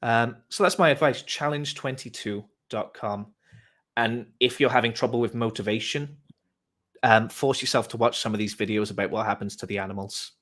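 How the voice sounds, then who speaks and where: Over online voice chat, a vegan activist host from Wales speaks in a British accent with a medium-pitched, slightly bright voice at normal speed. His manner is friendly and informal, casually persuading and encouraging listeners.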